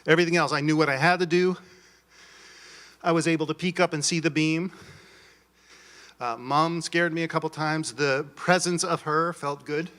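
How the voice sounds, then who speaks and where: A man with a bright, forceful voice, still out of breath after playing, speaking eagerly and bluntly about what worked. His pitch sits slightly high. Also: fairly even intonation, normal speed, long pauses. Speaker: playtester giving feedback. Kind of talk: post-game feedback chat.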